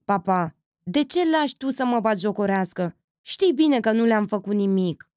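A woman's voice: mid-range voice, expressive, a little mellow, no echo, clean studio sound, natural voice. A woman reading an audiobook voices a proud, spirited young woman. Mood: pleading.

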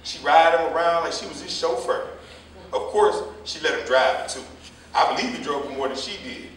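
Picked up by a distant mic in an echoey theater or hall with faint noise, a man performs a staged play reading as an older jitney driver. The character is gossipy and combative, scolding the young while spinning folksy, rambling, colloquial stories. The delivery is lightly acted, a little fast, in a bright voice on the high side.

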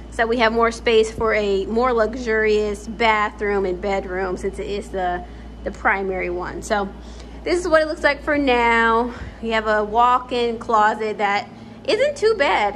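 A young woman with a fairly high voice gives a casual house tour vlog, talking slowly and easily in a relaxed, chatty way full of ums. She films on a phone camera held in her hand as she walks room to room through an empty house, with a faint hum in the background.

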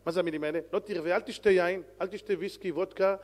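A man, a rabbi, giving a sermon in an animated, lively way, swinging between loud calls and soft pleading. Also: high voice. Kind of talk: Torah lecture sermon. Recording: long hall reverb.

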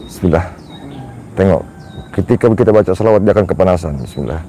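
A man's voice: deep voice, fast talker, warm tone, slight background noise, poor audio. A man playing a cleric who performs an exorcism, giving stern commands and chanting prayers in long melodic lines. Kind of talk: staged ruqyah drama with chanted prayers.

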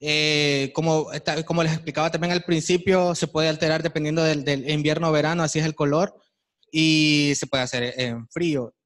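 Male workshop leader, higher-pitched voice, encouraging and easygoing with a live group. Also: fairly even intonation, normal speed. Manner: warm, encouraging, pointing out pieces to the group. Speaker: workshop instructor. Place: workshop room with attendees.

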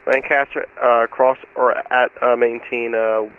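A man's voice: medium pitch, level tone, measured pace, clear, resonant tone. A man as a pilot making calls and readbacks to air traffic control over a tinny radio. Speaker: simulator pilot calling the controller. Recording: tinny, band-limited aviation radio.

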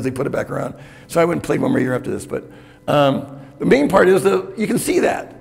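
Gravelly man giving a keynote talk. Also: on the high side. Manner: candid, conversational, with frequent "okay?" check-ins. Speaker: keynote speaker. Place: hotel conference room with audience. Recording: reverberant conference hall.

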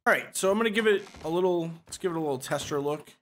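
A man's voice: fairly high pitch, fast talker, a little hiss or hum. A man hosting a gaming channel, giving casual gameplay commentary with joking instructions and frequent laughter.

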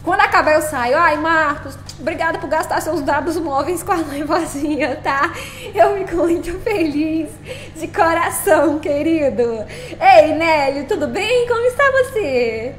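A woman's voice: sits high, a little slow, a little hiss or hum. A woman chatting on a live stream, playful and laughing often as she greets her viewers by name. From Brazil.

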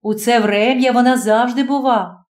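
A woman's voice: fairly high pitch, steady tone, moderate pace, darkish tone, lightly acted. A woman voicing a pious, anxious older village landlady who frets and prays. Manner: fretful, praying. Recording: roomy echo.

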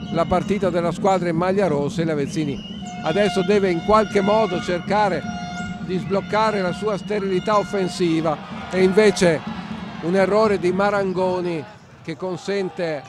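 Man, high voice, live basketball commentary, halting and emphatic, critical analysis, music behind. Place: sports hall during a live game.

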